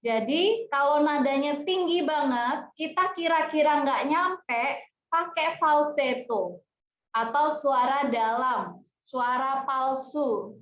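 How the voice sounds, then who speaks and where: A woman teaching a music class talks her students through each point in an unhurried, conversational way. Her voice sits high and she takes her time. The recording is roomy and a little muffled. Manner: chatty, explanatory, addresses students directly. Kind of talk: casual classroom explanation. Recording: echoey room, dull lo-fi sound.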